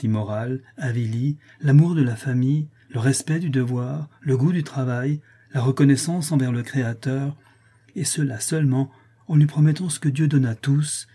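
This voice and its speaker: A man reading a classic novel aloud in a measured, solemn manner. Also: mid-range voice, warm tone, breathy edge. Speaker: narrator.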